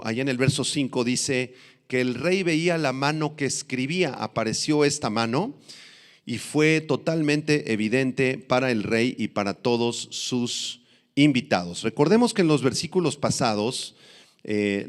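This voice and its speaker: A middle-aged male pastor preaching a Bible-teaching sermon, stressing and repeating key phrases and slowly spelling out old words. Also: mid-range voice. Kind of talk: expository sermon.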